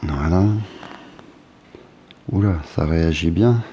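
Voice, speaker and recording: A man's voice: sits low, slow pace, dark tone, a little hiss or hum. A man, casually unboxing a phone and thinking aloud with hesitant fillers. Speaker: tech unboxing vlogger.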